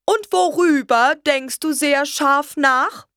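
A woman voicing a smug, cheeky little male apple man with a slow, teasing drawl. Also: high-pitched, a bit bright, no room sound, studio quality, voice pushed up, full character voice.

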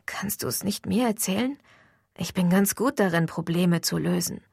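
A woman reading an audiobook voices a caring teenage vampire boy, speaking softly and low in a reassuring way. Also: normal speed, vocal fry, slightly rough, no echo, studio quality. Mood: tender.

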